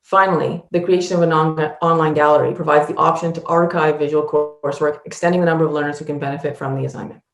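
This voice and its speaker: A woman's voice: sits low, steady tone, fast, vocal fry, hardly any pauses, echoey room, faint music behind. A woman narrating a scripted presentation as one of its presenters.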